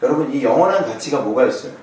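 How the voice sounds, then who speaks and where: Rapid-fire and darkish in tone, a pastor in his thirties with a medium-pitched, lively voice preaches a sermon built around a personal story and questions to the congregation. The recording catches him far off in a very echoey hall, with slight background noise.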